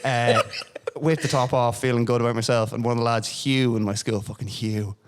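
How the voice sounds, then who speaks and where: Dublin lad hosting a podcast, rambly sweary storyteller, middle pitch voice. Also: male voice, fairly even intonation, a little fast, clear, resonant tone. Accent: Dublin Irish. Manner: rambling storyteller, swears freely, repeats words. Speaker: podcast host. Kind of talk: casual comedy podcast chat.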